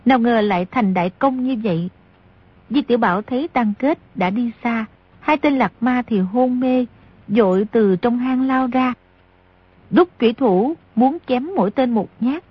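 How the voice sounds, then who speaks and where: A woman narrates an audiobook in a very husky, breathy voice that sits a little high. She reads with steady storytelling. The recording is dry and slightly lo-fi. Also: a little slow, dry recording. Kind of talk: scripted narration.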